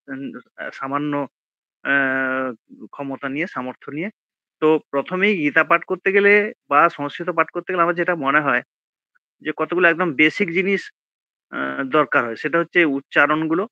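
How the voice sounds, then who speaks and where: An older man teaches informally in a slightly raised voice, pausing often with fillers and letting phrases fade softly. He slows down to spell out each pronunciation with care. The sound is dry and muffled, like a lo-fi video call. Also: on the high side, dry recording. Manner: hesitant, many fillers, drops to a soft trailing voice. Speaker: Gita and Sanskrit teacher. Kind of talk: informal online lesson.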